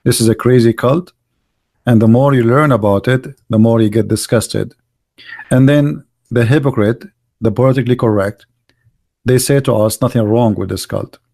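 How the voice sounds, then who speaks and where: This gravelly yet mellow voice belongs to a middle-aged man hosting a live religious debate show podcast. At medium pitch and moderate pace, he mocks sarcastically in broken, heavily accented English.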